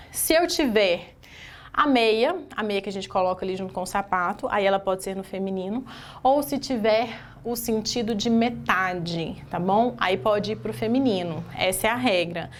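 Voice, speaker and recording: A woman with a Brazilian Portuguese accent teaching an exam-prep grammar lesson, going through a sentence word by word and putting rhetorical questions to the class. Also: medium pitch.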